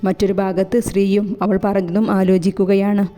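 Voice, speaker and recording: A woman narrating a romance audio novel in a steady storytelling way. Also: mid-range voice, moderate pace. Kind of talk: scripted narration. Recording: echoey room with faint music.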